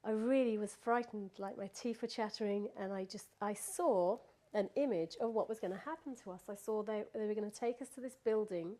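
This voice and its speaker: A woman's voice: mid-range voice, a little fast, few pauses, mellow. Woman telling a story with laughs. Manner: laughs often, with many fillers and restarts. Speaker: guest recounting a personal experience. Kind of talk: casual spoken storytelling.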